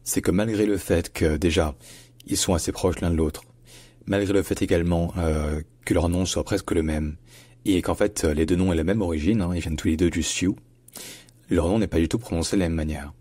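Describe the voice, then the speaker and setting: A man teaching pronunciation in a lesson, explaining carefully and repeating example words slowly. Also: deep voice, steady tone, dark tone, slightly rough, no room sound.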